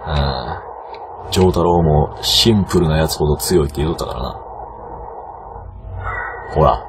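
A man with a Kansai accent giving casual let's-play commentary, excitable and bursting into loud yelps and cries, on a noisy old home recording. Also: extremely low pitch, unhurried. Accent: Kansai Japanese. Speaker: game commentator.

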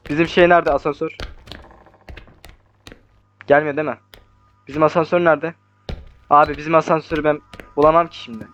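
A young man commentating his horror game playthrough, talking nervously to the monster and swinging between hushed mutters and startled yells. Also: on the high side, dull audio. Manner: jumpy, talks to the monster, swings from hushed to yelling. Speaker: gaming YouTuber.

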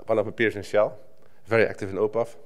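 A man's voice: fairly low pitch, level tone, fast. A middle-aged man from the Netherlands, a native Dutch speaker, giving a conversational conference talk at a lectern, with frequent restarts. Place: conference hall stage at a lectern. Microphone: lectern microphone.

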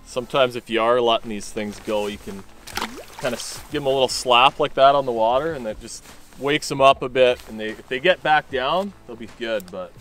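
A man in his thirties giving casual fishing commentary from a small boat on a lake, relaxed and chatty with plenty of fillers and restarts. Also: mid-range voice, fairly quick. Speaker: fishing guide and angler.

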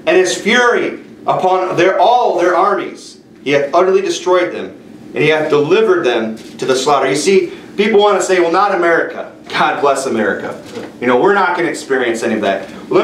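Forceful middle-aged preacher in echoey room. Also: male voice, high voice, far from the mic, a little hiss or hum. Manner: forceful preaching with slow emphatic scripture reading. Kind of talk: sermon. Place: small church room with piano.

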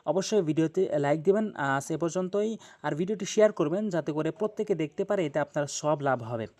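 A man's voice: a little high, expressive, darkish tone. Patient man drilling recitation sounds. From Bangladesh. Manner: patient, repeats syllables slowly and drills each sound. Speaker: Quran recitation teacher. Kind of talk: spoken tajweed lesson.

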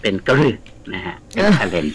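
A man's voice: brisk, crowd noise, poor audio. A man, a guest scholar, explaining at length in a radio studio interview, chatty and lecturing, with frequent polite particles. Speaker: guest scholar of the Mekong region.

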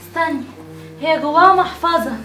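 A woman's voice: high voice, a little fast, sharp tone. An Egyptian woman vlogger staging a prank, talking in a dramatic, tearful, accusing tone. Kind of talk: staged prank phone call and argument. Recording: echoey room with music behind.

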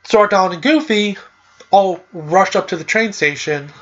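A man's voice: sits high, normal speed, fairly bright tone, highs cut off. A man hosting a podcast, casually recapping a video game plot in a rambling, filler-heavy way.

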